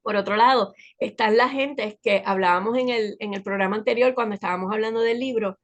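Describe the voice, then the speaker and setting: A woman's voice: mid-range voice, fairly quick. A woman with a Puerto Rican accent, a guest sharing a personal story in a casual, conversational way with frequent tag questions. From Puerto Rico. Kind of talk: casual chat.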